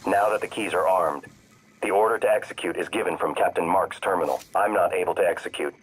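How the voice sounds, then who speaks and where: A calm ship computer with a very low voice and a measured, even delivery. It sounds like a composed AI operator from a video game. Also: male voice, breathy edge, rough recording. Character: calm male AI operator robot.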